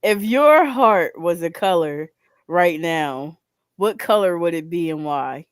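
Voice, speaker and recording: Female co-host, smooth clear voice, slow, dry close sound, teasing. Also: fairly low pitch, lively intonation, no echo. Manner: teasing, playful. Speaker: co-host reading questions. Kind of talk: casual panel chat.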